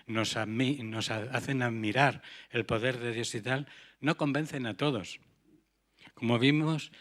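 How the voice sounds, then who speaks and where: A man's voice: medium pitch, a bit bright. Earnest male preacher. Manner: earnest, rhetorical questions to the congregation. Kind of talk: sermon.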